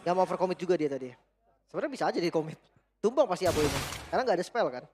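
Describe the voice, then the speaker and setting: Fast, high-voiced male esports caster. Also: lively intonation, background noise. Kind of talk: casual analytical esports commentary.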